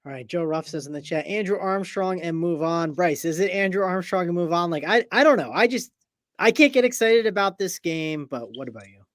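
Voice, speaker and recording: A man with a fairly high voice hosts a sports picks show in a chatty, self-deprecating way. He reads chat comments and hands off to his co-hosts. The sound is dry and close. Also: animated, brisk, a bit bright, no echo. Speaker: show host. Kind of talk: casual podcast chat.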